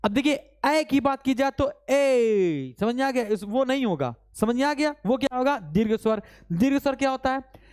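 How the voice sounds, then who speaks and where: Smooth-voiced male Hindi teacher quizzing students. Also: very high voice, lively intonation, a little mellow. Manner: keeps quizzing students with quick repeated questions; urges students to answer fast, mock-scolding. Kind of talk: live online class lecture.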